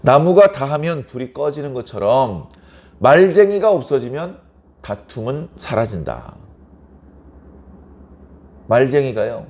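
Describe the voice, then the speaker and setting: A man's voice: medium pitch, very animated, a little slow, long pauses, a little mellow. A male pastor preaching at an early-morning service. He talks conversationally, keeps asking the congregation rhetorical questions, and acts out little everyday quarrels as he goes.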